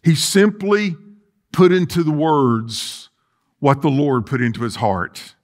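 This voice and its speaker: This is a middle-aged man, a pastor, giving a sermon indoors in a large sanctuary with rows of chairs. His voice sits a little high and comes out slowly, while he paces, gestures, and restarts with earnestness.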